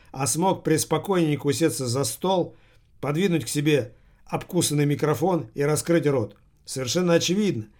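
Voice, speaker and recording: Deadpan male audiobook narrator. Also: fairly high pitch.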